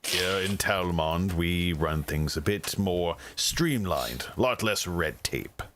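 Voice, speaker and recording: Bright, expressive game master, a man with a slow, theatrical delivery. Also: sits low, slight background noise. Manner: theatrical, measured and quick to laugh. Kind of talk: narrating a tabletop game.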